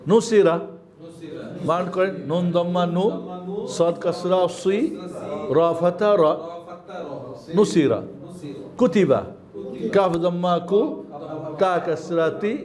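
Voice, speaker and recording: Man, Bangladeshi Bengali accent, high voice, sing-song spelling drill, classroom lesson, students murmuring around. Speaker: Quran reading teacher.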